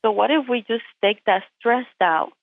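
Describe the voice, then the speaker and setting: Over a tinny phone connection, this interview guest speaks at a moderate pace in a fairly high, gravelly voice. She is a truck driver from Puerto Rico whose first language is Spanish, and her accent shows it. She presses her case forcefully, leaning on rhetorical questions.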